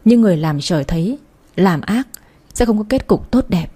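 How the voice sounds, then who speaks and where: Husky-voiced woman narrating a story. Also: medium pitch, lively intonation, moderate pace, warm tone.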